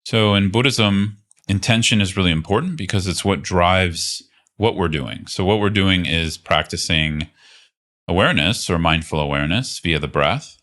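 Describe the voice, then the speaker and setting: A deep-voiced man leads a guided meditation as a teacher, speaking gently and without hurry, leaving long pauses.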